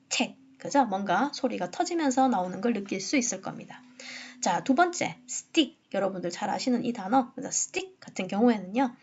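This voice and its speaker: A woman's voice: a little high, darkish tone, husky, muffled recording. A woman teaching English phonology in a lecture on the English quotes, who keeps checking in with her students. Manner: explanatory, frequent "자" and "그죠?" checks, reads English quotes slowly. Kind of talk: online lecture.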